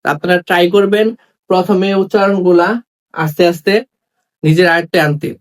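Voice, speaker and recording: A man teaching a spoken English lesson, saying each letter slowly and repeating sounds several times. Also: high-pitched, steady tone. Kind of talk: classroom lesson.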